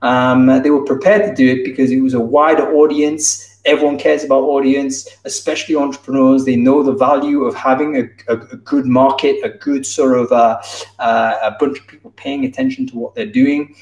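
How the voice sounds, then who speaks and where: A man in his thirties delivers a conference keynote over a video call using wired earbuds, talking loosely and conversationally with fillers and restarts. His mid-range voice has fairly even intonation, normal speed, and a darkish tone. The lo-fi sound is roomy and distant.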